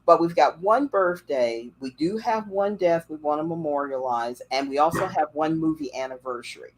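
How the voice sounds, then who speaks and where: This is a woman's low-pitched voice at normal speed, captured in a low-quality recording from a livestream setup. As the host, she chats casually and rambles her way through stories.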